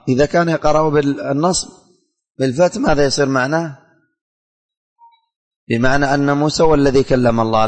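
A man teaching a religion class in a classroom, quizzing students by name and repeating his questions. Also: mid-range voice. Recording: hall reverb.

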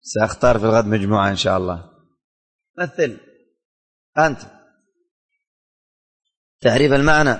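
A man's voice: fairly low pitch, lively intonation, brisk, pauses often, a bit bright. Man teaching in a reverberant hall. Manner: quizzes students by name, repeats questions. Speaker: religion teacher. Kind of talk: classroom lesson with questioning. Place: classroom.

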